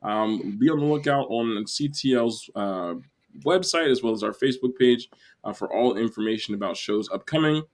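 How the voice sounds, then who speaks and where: A man's voice: mid-range voice, normal speed. A man hosting a casual theatre chat show, asking questions in an easygoing, laughing way. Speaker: podcast host.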